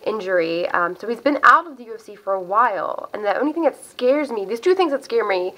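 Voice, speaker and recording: An MMA video host from South Africa, whose accent blends South African and American, chats to camera in an upbeat, casual way while giving her fight predictions, often interrupting herself. Her voice is a little high and fairly bright, with lively intonation and a slightly fast pace, and the recording is rough.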